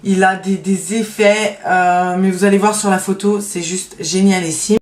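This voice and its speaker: In this relaxed vlog, a woman walks through the nail polishes she loves most. Her medium-pitched voice is steady, measured and a little mellow, bouncing off an echoey room. She's hesitant and full of fillers, often ending on "donc voilà," but her enthusiasm for the favorites comes through.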